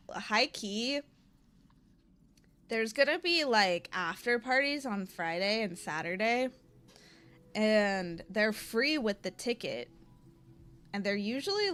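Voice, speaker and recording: A woman's voice: medium pitch, a bit bright. A young woman streaming and chatting casually with her viewers, full of slang and filler words.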